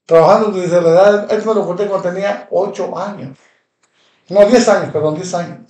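A Mexican man with a high voice, hosting a live stream and answering viewer comments. He rambles and repeats himself, slinging heated insults. He sounds set back from the mic in an echoey room. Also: a little fast, darkish tone. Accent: Mexican Spanish. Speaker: livestream host. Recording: roomy echo, distant from mic.

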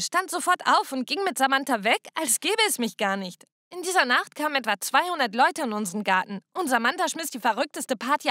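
A woman telling a first-person family drama as scripted narration. Her voice is high and bright, with an emotional, dramatic delivery, recorded close and completely dry. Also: no room sound.

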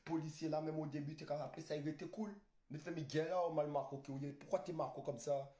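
A man's voice: fairly high pitch, fairly even intonation, brisk, mellow, roomy sound. A man streaming live, ranting in a rambling, insulting way with garbled phrasing. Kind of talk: street livestream rant.

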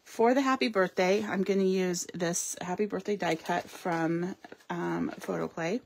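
A woman with a fairly low, gravelly voice and a measured pace leads a live card-making demo as a craft store demonstrator. Working at a craft table, either at home or in a studio, she talks through each step, saying um often.

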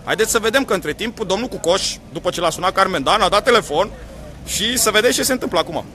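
A man's voice: high voice, expressive, pushed and bright. Emphatic man livestreaming outdoors. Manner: emphatic, addresses viewers directly with repeated questions. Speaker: livestreaming activist vlogger. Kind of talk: live commentary to viewers. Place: outdoors by a courthouse.

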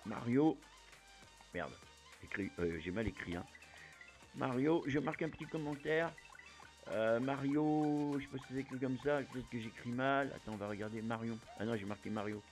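A man chatting casually as a YouTuber, rambling with plenty of fillers while giving shout-outs. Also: medium pitch, moderate pace, faint music behind. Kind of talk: casual chat.

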